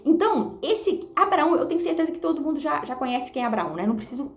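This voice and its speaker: A Brazilian woman with a fairly high voice leads an informal Bible study, recorded on her phone. She speaks warmly, calling her listeners brothers and sisters, and slows down to read scripture aloud. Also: sing-song. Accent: Brazilian Portuguese. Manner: warm devotional tone, repeatedly addresses listeners as brothers and sisters; reads scripture slowly and deliberately. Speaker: Bible teacher. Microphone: phone camera.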